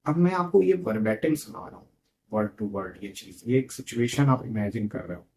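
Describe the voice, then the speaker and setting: Doctor guy walking students through a case, chatty, explaining as he goes, mid pitch. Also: creaky, darkish tone, a little hiss or hum, low-quality recording. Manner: conversational, explanatory, retells dialogue. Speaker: homeopathic doctor teaching. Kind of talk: retelling a clinical case to students.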